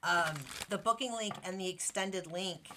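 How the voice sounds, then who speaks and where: A woman's voice: medium pitch, measured pace, sharp tone, a little hiss or hum. A woman giving a casual tarot reading to her viewers, bubbly and chatty, with affectionate asides and lots of fillers. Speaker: tarot reader.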